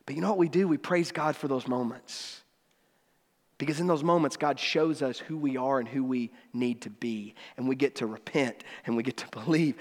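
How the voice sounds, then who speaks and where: A middle-aged man preaching a sermon as pastor, animated, swinging from loud outbursts to soft, low passages. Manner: animated storytelling, rising to shouts then dropping low and soft. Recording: long reverb of a large hall.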